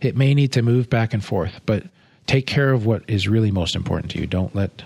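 A man's voice: lowish voice, fairly quick, creaky, a little mellow, breathy edge, no room sound. A man co-hosting a podcast, giving earnest marriage advice in a casual chat and often asking "right?". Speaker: podcast co-host, marriage counselor.

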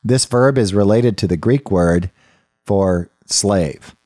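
A man leads a Bible study lesson, thinking aloud as he goes and often circling back to restart a phrase. His voice sits a little low and has a mellow, dark tone. The recording is dry and close, with no room sound around him. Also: takes it slowly, no echo. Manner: thoughtful, with frequent restarts and asides to the listener. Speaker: Bible teacher. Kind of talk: unscripted Bible study lecture.

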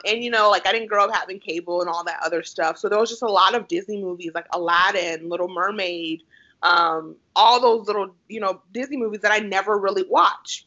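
Bright-voiced young woman from Haiti. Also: medium pitch. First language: Haitian Creole. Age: 20s. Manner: warm, upbeat, frequent "um" and "like". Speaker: podcast guest. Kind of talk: casual interview chat. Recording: slightly lo-fi podcast audio.

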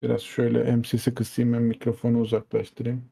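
Guy on speakerphone, gravelly and real dark, mic pulled back so he sounds far off with some echo, easygoing chat. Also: medium pitch, completely flat delivery, brisk. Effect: on speakerphone, mic moved away. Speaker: co-host presenting tech news. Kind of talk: casual podcast chat.

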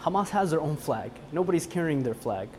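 A young American man, a college student, answering a news interviewer earnestly and haltingly, often repeating his words. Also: fairly high pitch, lively intonation, darkish tone, slight background noise. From United States. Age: young adult.

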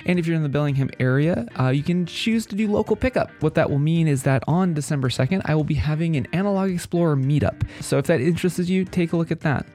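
A male podcast host with a somewhat high, nasal voice, congested from a head cold. He talks casually and playfully straight to listeners, with guitar music playing underneath. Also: fast, hardly any pauses.

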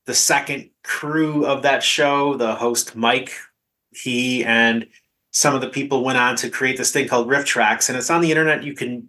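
A man's voice: mid-range voice, bright, forceful tone. A man co-hosting a podcast, chatting casually about a film and laughing between points. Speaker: podcast co-host.

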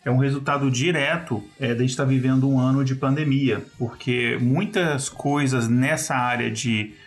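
A man with a Brazilian accent in casual podcast discussion, explaining things in a halting way. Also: medium pitch, fairly even intonation, faint music behind. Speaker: podcast panelist.

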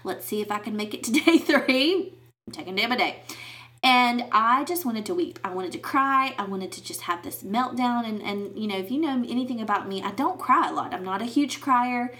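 A woman's voice: a little high, lively intonation, moderate pace, sharp tone. Candid woman hosting a faith podcast. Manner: candid and rambling, with many fillers and restarts. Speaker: podcast host. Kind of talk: casual faith podcast monologue.

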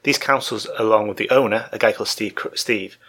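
Low, bright-voiced man discussing films. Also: a little fast. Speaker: film discussion host. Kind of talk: informal film history commentary.

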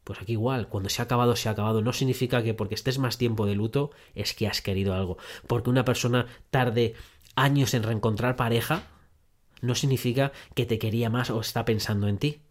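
A man's voice: mid-range voice, fairly quick. Man giving relationship advice. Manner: direct second-person address, repetitive emphasis. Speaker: podcast host.

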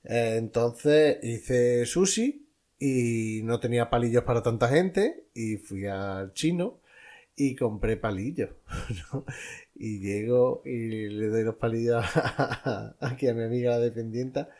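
A man, chatting casually on a podcast and telling animated stories with frequent laughter. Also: mid-range voice, slow. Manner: animated storyteller, laughing often. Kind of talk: casual chat.

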